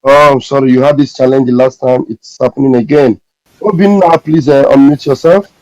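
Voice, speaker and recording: A man's voice: medium pitch, fairly quick, darkish tone, dry recording, dull audio. A man hosting an online audio room, patiently calling on speakers and asking them to unmute. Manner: patient, directive. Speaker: host.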